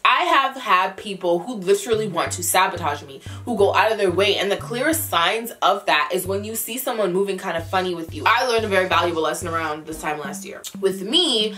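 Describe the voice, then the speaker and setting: Young female vlogger, mid pitch, candid casual advice, emphatic repetition, music underneath. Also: fairly bright tone. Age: young adult. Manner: emphatic, repeats phrases for stress. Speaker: vlogger answering viewer questions. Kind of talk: casual mukbang chat to camera.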